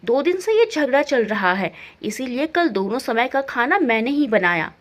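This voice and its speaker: A woman voicing a stern aging mother-in-law who lectures her daughters-in-law on duty in a measured way. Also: high voice, big pitch swings. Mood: calm.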